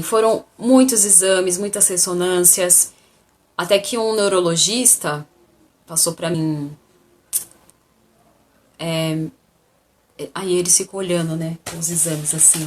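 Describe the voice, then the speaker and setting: Animated woman telling a story. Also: medium pitch, slight background noise. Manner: animated, acts out the dialogue. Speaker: vlogger telling her health story. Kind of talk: casual storytelling vlog.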